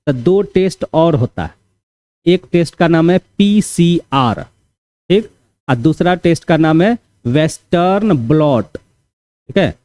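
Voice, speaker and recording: A man's voice: on the high side, expressive, slow pace, a little mellow, no echo. A man teaching a class for exam preparation, talking casually and repeating key points with frequent check-ins to his students. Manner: repetitive, conversational teaching with frequent "theek hai" check-ins.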